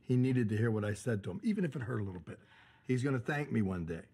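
An actor playing a blunt, no-nonsense older husband in a sitcom. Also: male voice, mid-range voice, expressive, fast, warm tone, slightly rough. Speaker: blunt family patriarch giving business advice. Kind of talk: sitcom acting.

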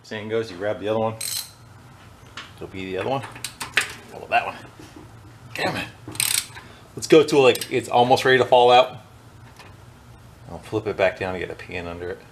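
A man with a lowish voice talks at a moderate pace, leaving long pauses, with background noise present. Hosting a small engine repair video in a workshop with a bench and wire wheel, he chats casually while working and at times turns from the mic.

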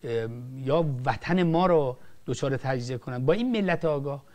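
A man's voice: mid-range voice, a little mellow. An older man, a film director, giving impassioned political commentary with emphatic rises and drops and frequent restarts. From Iran. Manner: emphatic, rising and falling sharply, frequent restarts.

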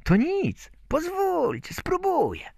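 A man voicing a tiny, cheeky peasant boy from a folk tale, talking in a shrill, pert voice. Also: huge pitch swings, takes it slowly, gravelly, dark tone, no room sound, full character voice. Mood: pert, eager.

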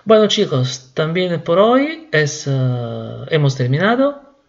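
Slow, gravelly male teacher. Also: on the high side, sing-song, dull audio. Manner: slow, deliberate, repeats words. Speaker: Spanish teacher. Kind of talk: slow classroom explanation.

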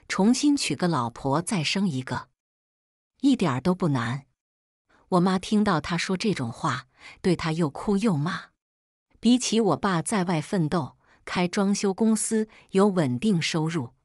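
A woman calmly reading a first-person story aloud as scripted narration. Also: on the low side, no room sound, clean studio sound.

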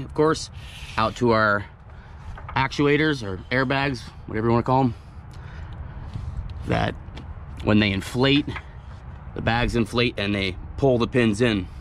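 A truck repair technician explains a trailer repair in a gravel lot beside some trailers, speaking plainly and practically with plenty of fillers. His mid-range, fairly bright voice moves unhurriedly with long pauses. The clip comes from a body-worn camera and carries slight background noise.

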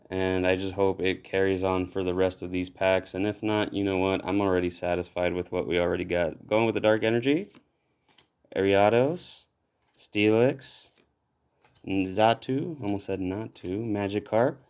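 A man with a lowish voice talks slowly and easily as he works through card packs. His relaxed commentary keeps breaking into excited exclamations whenever a good card turns up. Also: smooth. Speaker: card pack opener.

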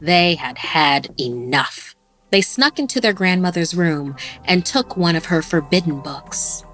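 Woman narrator, lower pitch, lively intonation, faint music underneath. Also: a little slow. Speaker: podcast narrator. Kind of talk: scripted horror narration.

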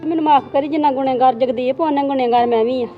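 Domineering mother-in-law, played by a woman, scolding, rapid and high-pitched. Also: fairly even intonation, muffled recording, faint music behind, close to an everyday voice. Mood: remorseful. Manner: scolding, dismissive. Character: domineering mother-in-law who spoils her son. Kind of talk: amateur family drama.

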